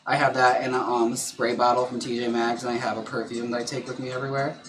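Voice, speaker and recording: A man's voice: mid-range voice, little pitch movement, fast talker. A man with a sassy, campy drag queen manner, chatting casually on a livestream while doing makeup. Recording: clearly noisy room ambience.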